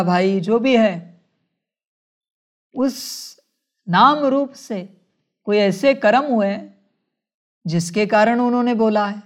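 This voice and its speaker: A woman giving a spiritual sermon, speaking in a measured way, calling her listeners children and asking rhetorical questions. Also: mid-range voice. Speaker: spiritual teacher.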